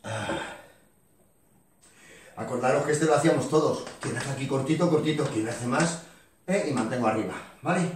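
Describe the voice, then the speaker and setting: A man's voice: mid-range voice, moderate pace, long pauses, recorded from a distance, a little hiss or hum. Encouraging male fitness coach in echoey hall. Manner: counting reps aloud, encouraging, out of breath at times. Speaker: fitness instructor. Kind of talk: leading an exercise class. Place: sports hall, indoors. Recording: echoey gym hall, voice from off the mic.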